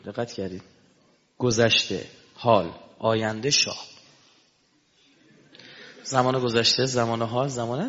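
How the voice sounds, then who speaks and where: A man giving an impassioned sermon, dropping to a hush and then rising to shouting. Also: medium pitch. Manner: impassioned, swings between hushed and shouting. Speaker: religious preacher. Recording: echoey hall, dull lo-fi sound.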